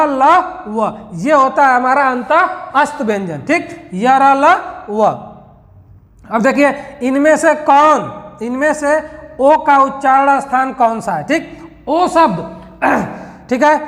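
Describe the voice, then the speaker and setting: A man teaching in a strikingly high voice, slow and deliberate, stretching out each letter as he drills it. He keeps asking questions and answering them himself, and the sound rings with a long reverb as if from a hall. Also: fairly bright tone. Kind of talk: exam-prep lesson.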